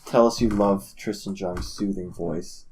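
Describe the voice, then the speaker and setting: A man co-hosting a casual podcast, talking in a lively way that often breaks off mid-thought, with casual swearing. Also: low-pitched, unhurried, slight background noise. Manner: animated, self-interrupting, swearing. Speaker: podcast co-host.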